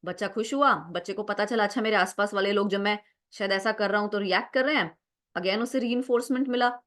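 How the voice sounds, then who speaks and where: A woman's voice: mid-range voice, a little fast, fairly bright tone. Woman teaching with frequent check-ins. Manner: explanatory, mixes Hindi and English, frequent "right?" check-ins. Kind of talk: exam-prep lecture.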